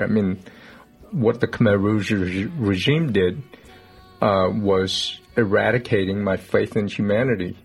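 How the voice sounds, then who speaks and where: A man's voice: lowish voice, creaky, breathy edge. A middle-aged man from Cambodia, a guest author, answering radio interview questions earnestly and repeating words for emphasis. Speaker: guest, author and genocide survivor.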